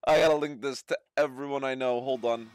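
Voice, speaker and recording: A man's voice: medium pitch, steady tone, fairly quick, loud music behind the voice. A man giving casual reaction commentary as a streamer, laughing as he talks, giddy and breathless with amusement, on a close mic.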